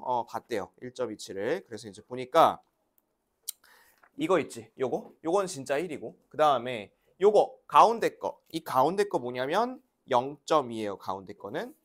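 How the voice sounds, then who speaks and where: A woman's voice: rumbling low, big pitch swings, moderate pace. A woman teaching a math lesson to young children in a classroom, patiently asking questions and having the class repeat after her. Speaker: elementary school teacher.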